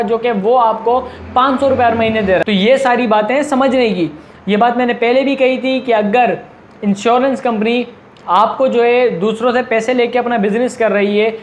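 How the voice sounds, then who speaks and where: A man's voice: extremely high pitch, slight background noise. Persuasive man with rhetorical questions. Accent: Pakistani Urdu. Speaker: video commentator. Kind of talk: argumentative monologue.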